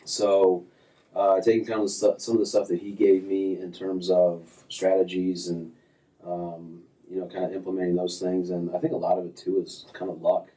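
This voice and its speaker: Guy in his 30s, deep flat voice, lots of ums and you knows, sounds kinda far from the mic. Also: moderate pace. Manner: relaxed, rambling, many fillers and restarts. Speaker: golf instructor, guest. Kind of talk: casual interview chat. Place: small office with framed diplomas.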